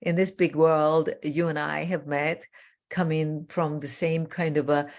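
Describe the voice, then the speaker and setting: Low gravelly woman originally from Iran. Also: flat delivery, a little slow. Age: older. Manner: warm, effusive, rambling with many fillers. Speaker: host, transformational coach. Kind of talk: casual interview chat.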